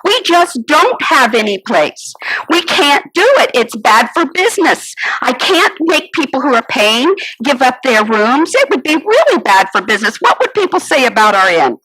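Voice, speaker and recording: A woman voices a fretful, business-focused innkeeper's wife, complaining her way through a theatrical first-person monologue with sighs and exclamations. The voice is high, very animated, moderately paced, fairly bright yet husky, heavily acted, and roughly recorded.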